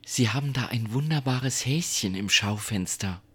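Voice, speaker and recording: A woman's voice: rumbling low, moderate pace, husky, pitched below the performer's own voice. A woman voicing a small, proud and polite male hare in a storybook, speaking in a courteous, formal way.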